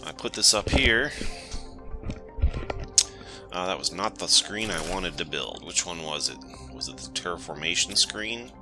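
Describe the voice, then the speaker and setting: Music plays in the background as a gaming channel host with a cold chats casually while playing, relaxed and thinking aloud in typical let's-play style. His deep voice moves unhurriedly, with frequent pauses.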